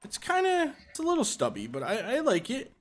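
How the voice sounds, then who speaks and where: Brief: male game-channel host, lively swooping delivery, teasing and instructive co-op banter. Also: very high voice, fairly quick. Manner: joking, instructive, laughs often. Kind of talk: casual gameplay commentary.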